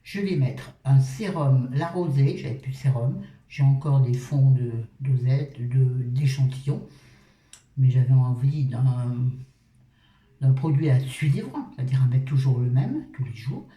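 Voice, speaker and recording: Middle-aged woman, skincare vlog chat, joking and self-mocking, very dark tone, roomy sound, a bit off-mic. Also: a bass voice, measured pace, far from the mic. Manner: chatty, joking, self-mocking, swears casually. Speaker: beauty vlogger. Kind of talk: casual skincare routine chat. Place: at a washbasin indoors.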